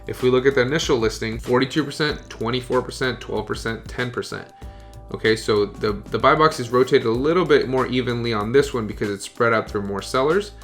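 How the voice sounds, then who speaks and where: A man's voice: medium pitch, fairly bright tone. A man coaching online sellers in a casual screen-share tutorial, often checking in with "okay?" and "you guys".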